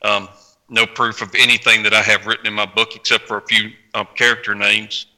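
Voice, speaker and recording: Very bright, sharp-voiced American man. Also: fairly low pitch, little pitch movement, brisk, rough recording. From Tennessee, United States. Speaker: novelist, podcast panel guest. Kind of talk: casual spoken book introduction.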